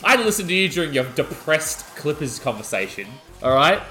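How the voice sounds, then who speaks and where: Animated man telling a story. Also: a little high, brisk, faint music behind. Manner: animated, swearing, acts out shouting in his stories. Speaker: podcast co-host. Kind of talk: casual storytelling chat.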